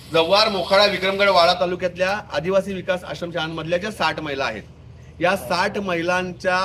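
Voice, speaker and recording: A man speaking for his organization at a protest, making a forceful statement to the press outdoors. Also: high voice, slight background noise, rough recording. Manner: fast, forceful public speaking. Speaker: activist organizer.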